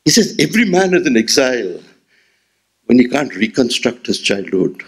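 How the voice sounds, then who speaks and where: Speaking into the podium's gooseneck microphone, this Indian English-accented man in his sixties gives a memorial lecture in an auditorium with rhetorical flair and gestures. His mid-range voice has a breathy edge and a moderate pace.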